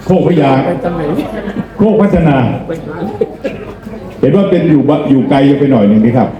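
A man's voice: medium pitch, lively intonation, moderate pace, muffled recording, a crowd in the background. A man giving a campaign rally speech as a candidate, in a folksy way, repeatedly putting questions to his listeners. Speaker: parliamentary election candidate. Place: rally venue, speaking to a gathered crowd. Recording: echoey public address sound.

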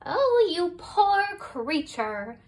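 A woman voicing a large spider in a storybook, slow and pitying. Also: very high-pitched, big pitch swings, pitched above the performer's own voice, exaggerated voice, rough recording.

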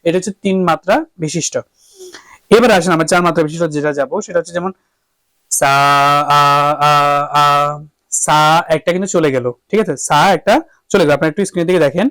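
A man's voice: on the high side, racing, no room sound. A man teaching a singing lesson who explains each step, checks in with the class, and sings vowel exercises. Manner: explains step by step, often asks "okay?", then sings sustained vowel drills. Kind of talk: vocal lesson with harmonium.

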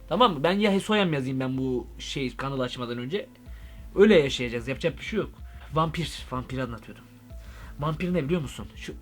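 A young man doing a comic vlog monologue, excitable and rambling, full of slang. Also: fairly high pitch. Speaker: YouTube comedian.

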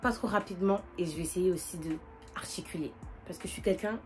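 A woman in her twenties with a northern French accent, chatting casually and quickly as a vlogger while doing her makeup, with lots of fillers and restarts. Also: on the low side, faint music behind. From northern France. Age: 20s. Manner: fast, animated, many fillers and restarts.

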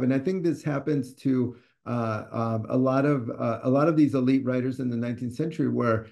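An author and scholar in his sixties from Ecuador talks conversationally on a video call through a webcam in his home study lined with bookshelves. His mid-range male voice is gravelly and mellow, and he speaks thoughtfully, hesitating often with fillers and restarts.

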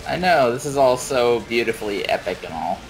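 A man's voice: mid-range voice, lively intonation, a little fast, music in the background, low-quality recording. A man joking dryly while playing a co-op game with friends. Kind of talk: casual gaming chat.

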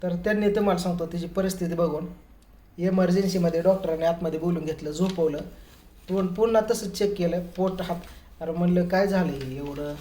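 A man's voice: high-pitched, a little fast. Storytelling man in an echoey room. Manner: lively retelling that acts out others' quoted words. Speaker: family vlogger. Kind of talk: casual storytelling to camera. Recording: echoey room with faint ambient noise.

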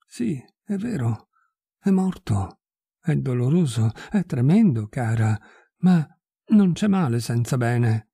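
A man's voice: medium pitch, very animated, takes it slowly, creaky, dark tone, breathy edge, dry recording, studio quality, exaggerated voice. A man voicing a restless, defiant young widow. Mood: consoling.

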